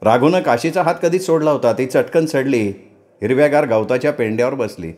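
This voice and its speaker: Expressive male storyteller reading a novel. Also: medium pitch, brisk. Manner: expressive storytelling, acts out dialogue.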